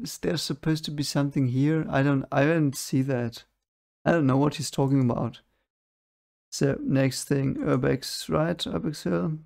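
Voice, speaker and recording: A young man at a desk in his home room hosts a reaction video, skeptically dismissing the clips as fake and sometimes stumbling to find a word. Speaking casually into the mic before him, he has a gravelly, darkish voice on the higher side.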